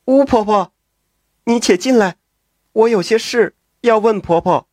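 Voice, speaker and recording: A man voicing a frightened, tearful young woman who stammers and pleads in a raised falsetto. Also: expressive, measured pace, a little mellow, dry recording. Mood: coaxing.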